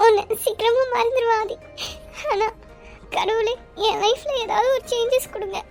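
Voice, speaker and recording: A woman voicing a tender young heroine in a cartoon, speaking softly and emotionally, often tearful. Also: very high voice, steady tone, moderate pace, loud music behind the voice. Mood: heartbroken. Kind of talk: cartoon voice acting.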